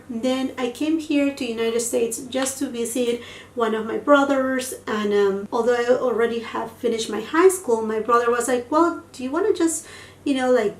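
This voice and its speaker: Recorded in an echoey room with the mic set back and some faint noise, a woman from Peru talks through her makeup in a casual tutorial. A native Spanish speaker and beauty vlogger, she has a slightly high voice and gushes chattily, often saying "you know."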